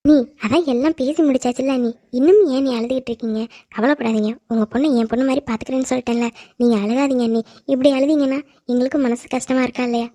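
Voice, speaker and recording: A woman's voice: high voice, fairly even intonation, quick pace. A woman voicing a kind, middle-aged mother of the groom in a cartoon drama, comforting the other family. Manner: comforting, warm-hearted.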